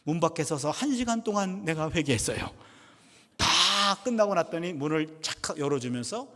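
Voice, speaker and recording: Middle-aged pastor guy, high lively voice, tells stories and plays every part, big church reverb. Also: normal speed. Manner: animated storytelling, acting out family dialogue. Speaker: pastor and former professor. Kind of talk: sermon with storytelling. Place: church sanctuary.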